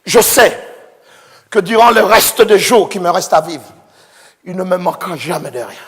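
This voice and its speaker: A male pastor preaching a sermon fervently, swinging from hushed tones to shouts. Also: high voice, animated, normal speed, vocal fry. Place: church. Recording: echoey church hall with congregation.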